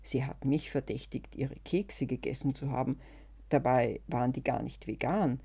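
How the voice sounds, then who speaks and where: A calm, quietly odd young man, as a reader gives him voice, soothing and a little hesitant. The tone is mellow and dark, at a middle pitch. A gentle storybook voice. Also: normal speed, creaky, breathy edge.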